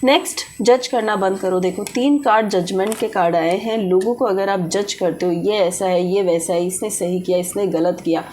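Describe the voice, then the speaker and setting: Over faint background noise, a woman with a medium-pitched, somewhat mellow voice does tarot readings for her viewers. Mixing English words into her Hindi, she offers straightforward advice.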